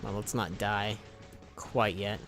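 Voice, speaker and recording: A man's voice: fairly low pitch, little pitch movement, slow pace, a bit bright, faint music behind. A man commentating his own gameplay on a live stream, with wry, self-mocking, muttered asides. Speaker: game streamer.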